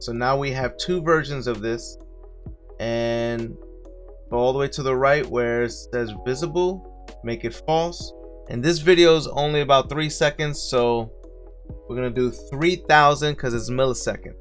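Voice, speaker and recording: Friendly Brooklyn-accented man giving a tutorial. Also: medium pitch. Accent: Brooklyn New York. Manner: friendly, talks viewers through each click. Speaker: streaming tutorial host. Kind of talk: casual step-by-step software tutorial.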